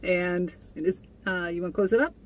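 A woman's voice: on the low side, fairly even intonation, a little fast, far from the mic. A young woman recapping her day in a casual vlog from inside a tent, chatty and full of fillers. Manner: chatty, with frequent fillers and laughs. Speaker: vlogger. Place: inside a tent, small and indoors.

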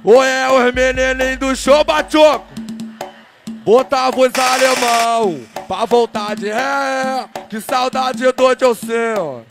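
Hoarse Rio funk MC, high gravelly voice, drawn-out chanted lines over a faint beat. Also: male voice, steady tone, over music. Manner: rhythmic chanting, calls out to the DJ and crowd. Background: funk beat playing.

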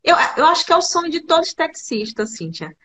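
A woman hosts the podcast and asks long, rambling questions packed with fillers. Her voice is high and bright. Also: big pitch swings, fast, slight background noise. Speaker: podcast host and teacher. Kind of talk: interview questions.

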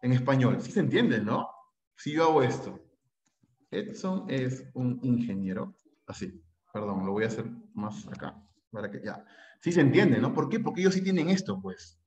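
A man's voice: mid-range voice, animated, a little fast, a little mellow. A Peruvian man lecturing pre-university students on English grammar, chatty and often checking in with them. His voice sits in a middle register. The sound is roomy and a bit dull, like a class recording. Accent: Peruvian Spanish. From Peru. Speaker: English teacher.

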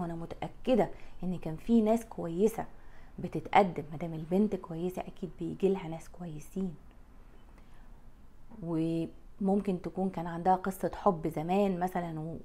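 A woman in her forties with an Egyptian Arabic accent, talking straight to camera in a frank, blunt way as a life coach, recorded on a lapel mic in a bright room. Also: fairly low pitch.

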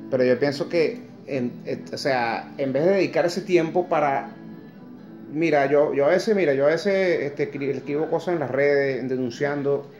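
A man in his forties with a Venezuelan accent vents angrily to a phone camera held close in his kitchen, blunt, swearing, and mocking with sarcastic remarks. His voice is slightly high and darkish at a normal speed, the highs cut off, with faint music behind. The phone picks up an echoey room.

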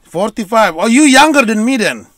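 Hosting a relaxed chat over video call, this North Sumatran man in his late forties tends to ramble and say things twice. He speaks at a moderate pace in a high, slightly bright voice with lively intonation.

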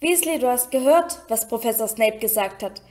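A woman's voice: fairly high pitch, expressive, moderate pace, a little mellow, close to an everyday voice. A woman reading aloud and voicing a smug, sneering boy wizard with a mocking drawl. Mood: smug whining.

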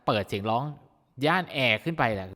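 A man teaching vocal mixing in a casual, excitable way, breaking into amazed exclamations as he demonstrates a plugin. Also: fairly low pitch, fast, big-room sound. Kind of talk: plugin tutorial explanation.

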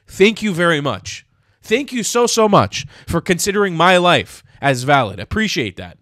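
A young US YouTuber, very animated, rants angrily and sarcastically with plenty of swearing at a moderate pace. His high, fairly bright voice is recorded dry in a small room on a stand-mounted studio mic, and he wears headphones.

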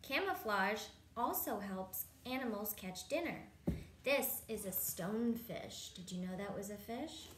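A woman in her thirties sits at a table indoors at home, reading a picture book aloud to small children and mixing in simple questions and explanations. She speaks in an animated, medium-pitched voice, a little slowly. The room echoes, and the recording is clearly noisy.

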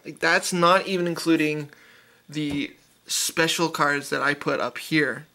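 A man's voice: fairly high pitch, steady tone, pushed and bright. A man casually opening card packs on camera, rattling off card names with enthusiasm. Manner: rapid-fire listing of card names, enthusiastic.

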